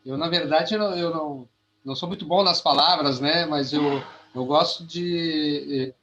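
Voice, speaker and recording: A man giving a heartfelt, halting testimony on a video call, often repeating his words. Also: fairly high pitch, a bit bright, lo-fi sound, slight background noise. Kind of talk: emotional testimony.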